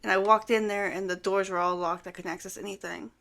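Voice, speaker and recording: Hesitant woman with a creaky voice. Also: mid-range voice, fairly even intonation, fast talker, fairly bright tone. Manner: hesitant, rambling with many fillers. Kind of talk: in-character roleplay testimony.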